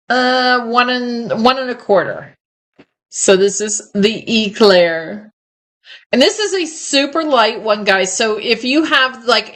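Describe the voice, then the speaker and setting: A woman's voice: mid-range voice, fairly bright tone. A middle-aged woman hosting a live online ornament sale, chatting casually and enthusiastically and often laughing, close to the mic. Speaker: host of a live ornament sales show. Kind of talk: casual live sales chat. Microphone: close mic, live stream.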